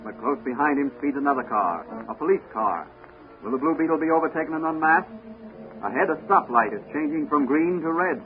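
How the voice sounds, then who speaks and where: In a tinny 1940s radio recording with music, a man plays a dramatic, suspenseful announcer for a radio serial. His voice runs on the high side, expressive and brisk, with a lightly acted, declamatory delivery.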